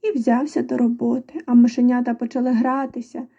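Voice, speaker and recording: High-voiced woman reading a folk tale. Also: brisk, highs cut off. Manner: lively, expressive storybook reading. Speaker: storyteller.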